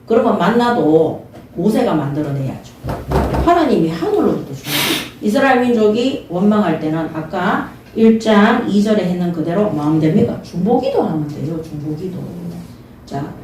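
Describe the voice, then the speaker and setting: A woman preaches, earnest and insistent, stopping often to pull her listeners back in. Her voice is mellow and dark, and it rings through a very echoey church hall. The mic sits some distance from her, with faint room noise behind. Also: mid-range voice, expressive, moderate pace. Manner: earnest, repeats short calls for attention. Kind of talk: sermon with Bible reading. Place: church sanctuary.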